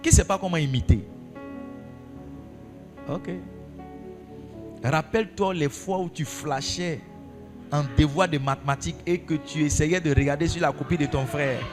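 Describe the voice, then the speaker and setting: A man's voice: a little high, normal speed, pauses often, in a large hall, music in the background. A male pastor preaching a sermon, asking his congregation questions and repeating key phrases for emphasis.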